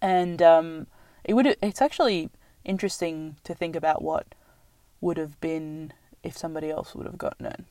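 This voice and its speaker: In a car, a woman co-hosts a casual movie chat, speaking low and warm at a moderate pace with no echo. She rambles with lots of fillers, laughs often and chews while she talks.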